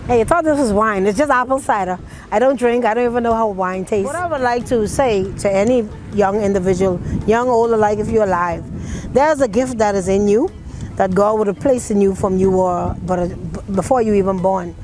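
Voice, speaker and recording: A woman's voice: medium pitch, fairly quick, background noise. A woman from the Bahamas with a Bahamian accent, a poet who recites dialect poetry and talks about her writing in a rhythmic storytelling way.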